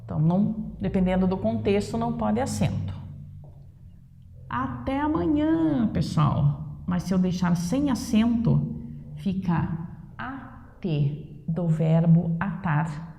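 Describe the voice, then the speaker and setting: Brazilian woman teacher, slow didactic delivery, gravelly low tone; echoey room. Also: warm tone. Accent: Brazilian Portuguese. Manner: didactic, repeats words slowly and stresses them. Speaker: Portuguese teacher. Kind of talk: online grammar lesson. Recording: echoey room with long reverb.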